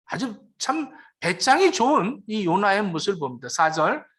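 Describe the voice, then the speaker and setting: A woman's voice: mid-range voice, sing-song, moderate pace, slightly rough. Woman pastor giving a sermon, voice swings up and down a lot, asks a question then answers it herself. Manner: explains scripture, asks and answers her own questions; briefly acts out the figures she quotes.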